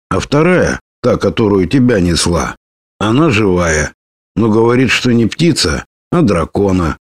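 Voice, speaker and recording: A man voicing a lively, bold young woman warrior who talks brashly and teases. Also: on the low side, no echo, studio quality. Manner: brash, teasing, excitable.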